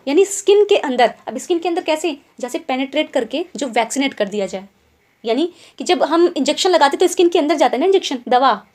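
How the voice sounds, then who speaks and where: A woman's voice: high voice, darkish tone. A young woman teaching an online English vocabulary lesson, explaining in Hindi mixed with English words and checking in with her students after nearly every point. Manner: keeps asking quiz questions and tag checks like "ठीक है?".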